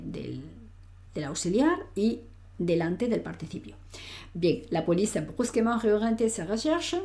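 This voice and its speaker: In an online grammar lesson, a woman teaches French grammar in Spanish, reading French example sentences aloud and patiently explaining. Her voice is low-ish and warm, and she frequently checks in with the listener by asking "¿vale?"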